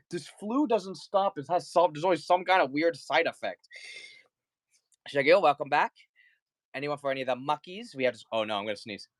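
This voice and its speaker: Hosting a relaxed live toy sale while fighting the flu, this man greets his viewers and counts down deals. He talks at a normal speed in a slightly high, expressive voice, with no echo.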